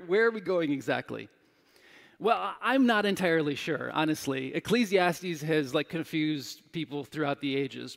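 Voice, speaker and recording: A man's voice: on the high side, creaky, big-room sound. A man giving a sermon, telling a personal story in a candid, self-deprecating way. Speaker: pastor.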